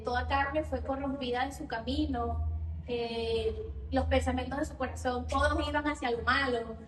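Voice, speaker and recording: A young woman with a Venezuelan accent and a high voice gives an earnest church testimony, circling back to repeat her words. She sounds distant from the microphone in an echoey sanctuary, with a faint murmur of room noise behind her. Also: fairly bright tone. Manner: earnest, repeats phrases, frequent fillers. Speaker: church speaker. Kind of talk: personal testimony sermon.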